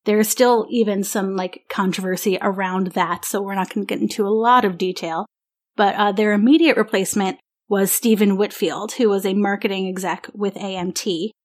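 A woman hosts a casual podcast chat, laying out history and facts in an informative way. Her voice sits at an ordinary middle pitch. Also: steady tone, moderate pace. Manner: informative, reads out dates and facts. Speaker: podcast host.

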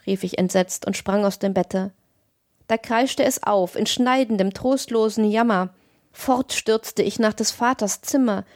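A woman narrating a literary tale in a measured, expressive audiobook reading. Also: medium pitch, dry recording, clean studio sound.

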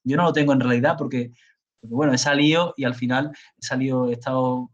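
A Spanish university professor, speaking as a guest in a conversational interview, talks emphatically and repeats words for stress. His mid-range voice is fairly even in intonation and quick. The audio is dull and lo-fi.

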